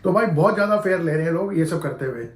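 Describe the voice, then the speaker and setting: A man's voice: a little high, expressive, quick pace. A man, talking casually to his viewers as a travel vlogger, often calling them "yaar" and "bhai" and slipping into English phrases. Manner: chatty, peppers speech with "yaar" and "bhai", mixes in English phrases. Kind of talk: casual explanatory vlog. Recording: echoey room.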